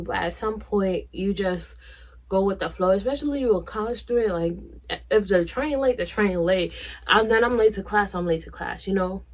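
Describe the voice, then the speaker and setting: A young woman talks to her camera at home in a loose, candid way. She is blunt and chatty, leaning on slang and giving frank advice in a mid-pitched voice. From New York. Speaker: vlogger. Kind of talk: casual talk to camera.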